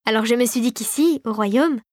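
A young queen who builds gifts for her friends, kind and caring in her speech, as a woman reads her in a storybook. The voice is fairly high and sits dry and close. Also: moderate pace, darkish tone, no echo, close to an everyday voice.

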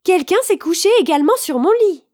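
A woman voicing an indignant mama bear in a storybook reading, with high, loud exclamations. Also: expressive, fairly quick, no echo, clean studio sound.

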